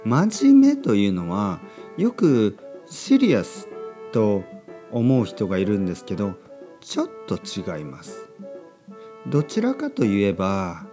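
A man hosts a language-learning podcast in very simple, conversational sentences. He takes his time, with a lively, swooping pitch and a soft-edged, mellow tone. Key words come back again, reworded for learners. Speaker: podcast host for learners of Japanese.

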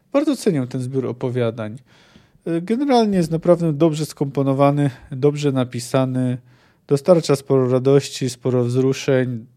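A man's voice: medium pitch, warm tone. A man hosting a book podcast, talking through his thoughts in a casual monologue with frequent hesitant fillers. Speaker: podcast host reviewing fantasy books.

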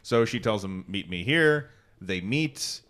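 A man co-hosting a casual movie podcast, retelling the plot with quick asides. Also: fairly low pitch, expressive, fairly bright tone. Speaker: podcast co-host. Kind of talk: casual movie-review chat.

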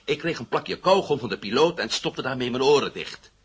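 A man's voice: medium pitch, lively intonation, fairly quick, husky. A man voicing a defiant, sarcastic adventurer held for questioning. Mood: recounting. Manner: sarcastic, defiant, sharp swings in loudness. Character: defiant male adventurer under arrest, sarcastic.

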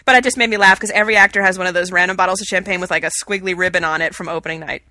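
A fast-talking woman co-hosting a casual podcast, upbeat and chatty. Her voice is bright and forward. The sound is dry and close, with no room echo. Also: on the low side, fairly even intonation. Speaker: podcast co-host. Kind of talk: casual chat.

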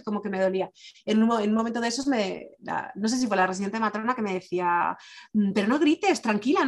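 A woman, a midwife telling her own birth story in a chatty monologue full of fillers and restarts, acting out the voices of the people she quotes. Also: mid-range voice. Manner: fast, chatty, many fillers and restarts, acts out quoted dialogue. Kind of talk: personal storytelling, casual monologue.

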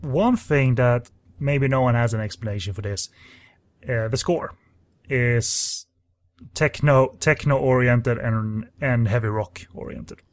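A man's voice: medium pitch, slow, no room sound. A man reviewing a film in casual chat, critical and talking in long winding sentences.

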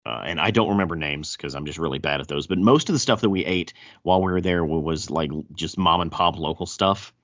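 A man's voice: deep voice, a little fast, hardly any pauses. A man with a thick Southern US accent hosting a casual podcast chat, often stammering and repeating words as he goes. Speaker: podcast host. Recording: dull, roomy echo.

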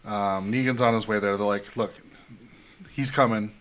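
A man's voice: on the low side, steady tone, moderate pace, a bit bright, a little hiss or hum. A man casually recapping a TV episode for his co-hosts, acting out the characters' lines as he goes. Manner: laid-back storytelling, acts out characters' lines. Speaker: podcast host recapping a TV episode. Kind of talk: casual chat.

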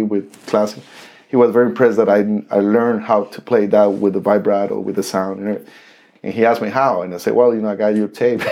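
A man from Costa Rica with a Costa Rican Spanish accent, a native Spanish speaker telling his story in an interview, halting with many restarts and fillers. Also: fairly low pitch, warm tone. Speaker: interview guest, saxophonist.

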